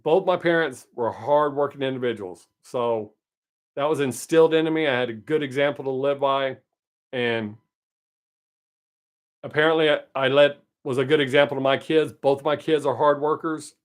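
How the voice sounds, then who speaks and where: Speaking at medium pitch and a normal speed, this livestream host in his late fifties keeps things casual and upbeat, replying to viewers by name as they chat.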